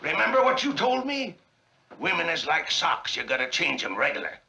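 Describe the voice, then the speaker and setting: An actor playing a fussy, folksy cowboy sidekick who scolds in a twangy drawl, in an old film. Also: male voice, a little high, sing-song, normal speed, vocal fry, bright, forceful tone, heavily acted, rough recording.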